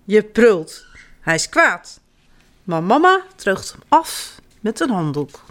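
Woman storyteller for children; expressive, animated, sing-song reading. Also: medium pitch, slow pace. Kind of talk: reading children's stories aloud.

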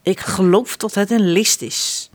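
A woman's voice: mid-range voice, fairly even intonation, a little slow, close to an everyday voice. A woman voicing a scheming, fawning male count who advises a prince in a storybook.

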